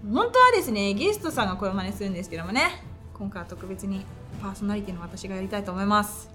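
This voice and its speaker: A woman's voice: mid-range voice, animated, fast talker, bright, forceful tone, soft background music. A woman hosting a streamed talk show, chatting politely and laughing often. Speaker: radio show host.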